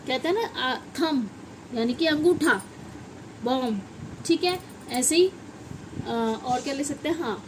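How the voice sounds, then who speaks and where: A woman with a Hindi accent and a high-sitting voice teaches English pronunciation in a classroom style, frequently posing questions and answering them herself. Background noise can be heard.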